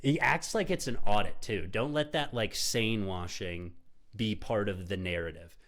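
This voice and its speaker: Low-voiced profane streamer man. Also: normal speed, a bit bright. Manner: profane, exasperated, sarcastic. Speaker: live streamer reacting to videos. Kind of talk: heated casual commentary.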